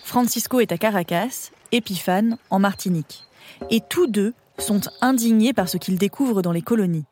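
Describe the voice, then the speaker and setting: Woman narrating a history documentary, mid-pitched. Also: moderate pace, mellow, a little hiss or hum. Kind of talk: scripted narration with conversational touches.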